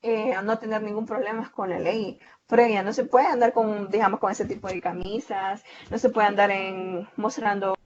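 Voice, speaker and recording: A woman's voice: mid-range voice, steady tone, moderate pace, hardly any pauses, a little mellow, muffled recording. A woman with a Salvadoran Spanish accent, giving an online tutoring lecture on a video call, explaining at length with frequent fillers and self-corrections.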